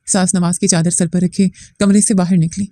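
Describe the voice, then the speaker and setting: A woman narrating a first-person family drama story in a steady, somber manner. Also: fairly low pitch, normal speed.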